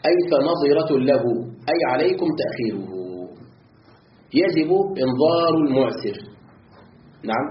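A man's voice: a little high, a little hiss or hum. A man teaching a classroom lesson on Quran commentary, explaining phrase by phrase and putting questions to his students. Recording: roomy, dull lo-fi recording.

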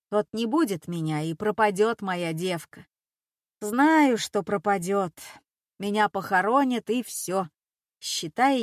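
A woman's voice: medium pitch, no echo, studio quality. A woman reading a stern, bitter elderly grandmother in an audiobook, speaking bluntly and reproachfully. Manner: gruff, reproachful, plain-spoken. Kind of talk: audiobook character voice.

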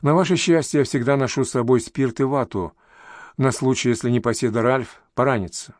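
A kindly middle-aged doctor reassuring a stranger in a soothing, unhurried voice, as a male reader voices him. His voice sits in a middle pitch and sounds dry and close in an audiobook reading. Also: a little mellow, no room sound, natural voice.

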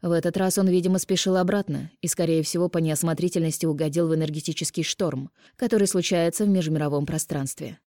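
Stern grumbling male healer, low mellow tone, read by a woman narrator. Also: steady tone, fast talker, hardly any pauses, no room sound, clean studio sound, natural voice. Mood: explaining. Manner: firm, grumbling.

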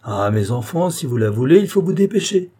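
Guy reading as a pleased-with-himself notary uncle, loud and chuffed, warm husky voice pushed up higher. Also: lively intonation, normal speed. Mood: hearty. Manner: hearty, exclamatory, self-satisfied. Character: boastful middle-aged male country notary.

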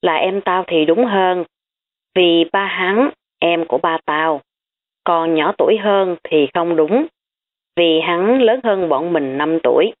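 Woman reading a defensive rich girl, sharp tongue; low voice, phone-like line. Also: takes it slowly. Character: rich girl hiding her wealth, defensive. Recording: tinny phone-like audio.

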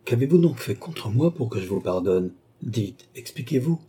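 Young noblewoman, quick questions, gently firm, played by a man in a lifted, husky register. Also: mid-range voice, expressive. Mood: gentle. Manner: quick questions, softly reproachful. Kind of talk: audiobook character voice.

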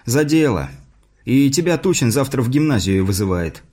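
A man's voice: mid-range voice, big pitch swings, normal speed, darkish tone. A man voicing an eager, curious young schoolboy inventor in an audiobook.

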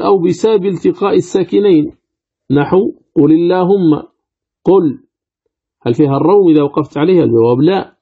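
Gravelly-voiced man teaching recitation rules. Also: on the high side. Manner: poses questions and answers them himself, demonstrates pronunciations aloud. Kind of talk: explaining a commentary on Quranic recitation rules. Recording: tinny phone-like audio.

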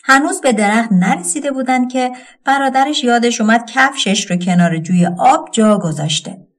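A woman narrating a folk tale audiobook with an expressive storytelling cadence. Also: a little high.

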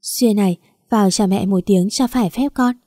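Kind calm father-in-law, gentle, woman reading him, mellow dry voice. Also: medium pitch, fairly quick, no room sound, natural voice. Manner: gentle, reassuring.

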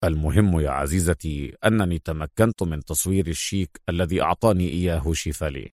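A man playing a calm, low-voiced spy colonel. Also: fast talker, no room sound, clean studio sound, natural voice. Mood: assured. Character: confident male intelligence colonel, wry.

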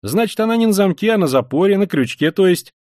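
A man reading an audiobook, voicing an excitable young law student who talks loudly and insistently. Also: high-pitched, dry recording, clean studio sound, voice pushed up. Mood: eager, urgent. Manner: loud, quick, insistent.

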